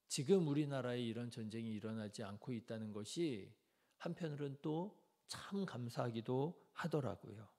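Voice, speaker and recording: Mellow-voiced Korean pastor, chatty sermon. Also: male voice, mid-range voice. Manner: conversational preaching with many filler words, rising in volume for scripture readings. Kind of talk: early morning sermon. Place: church sanctuary.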